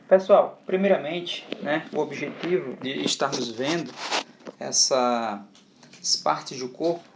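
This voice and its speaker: A man's voice: on the high side, a little hiss or hum. A man teaching a video lesson, explaining patiently and checking in often. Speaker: Spanish teacher.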